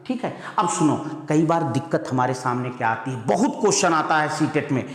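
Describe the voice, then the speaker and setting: A male teacher giving an exam-prep grammar lesson, calling students "beta" and repeating key words slowly. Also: on the high side, animated, a bit bright. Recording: echoey hall.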